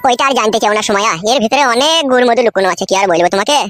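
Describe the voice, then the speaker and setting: A crude, scheming young cartoon son-in-law who sulks and shirks, as a woman acts him out. His voice is pitched up and rattles along very fast, with steady noise behind him. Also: close to an everyday voice. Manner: sulky, crude. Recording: clear background noise.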